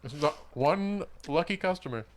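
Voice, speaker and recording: A man's voice: on the high side, expressive, moderate pace. A man in his twenties co-hosting a podcast, chatting casually and eagerly about school memories. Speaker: podcast co-host. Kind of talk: casual chat.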